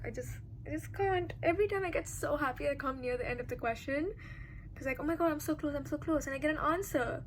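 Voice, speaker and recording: A woman's voice: high-pitched, noisy background. A young woman from Singapore, a student vlogging casually from a hotel room, chatty and giggly with lots of "like". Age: young adult. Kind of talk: casual vlog chat.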